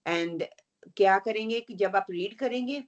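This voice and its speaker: Rich: A woman teaching Quran recitation online. She explains each rule step by step, often checks "okay?" with her students, and slows down to recite the example verses. The call audio sounds a little dull and lo-fi. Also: medium pitch. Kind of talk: online tajweed lesson, mixing Urdu and English.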